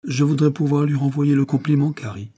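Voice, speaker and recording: A man voicing a gentle, sorrowful older mother who speaks softly and gravely, in an audiobook reading. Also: a little high, steady tone, pitched above the performer's own voice. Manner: soft, grave, measured.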